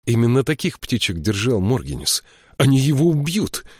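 A man reading as an excited young man. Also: fairly low pitch, measured pace, slightly rough, dry recording, studio quality, exaggerated voice. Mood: alarmed. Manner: excited, urgent.

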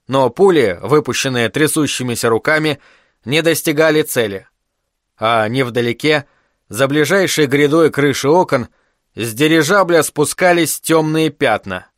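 Brief: male audiobook narrator, mid-pitched, dry close studio sound, steady reading. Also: dry recording. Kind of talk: scripted narration.

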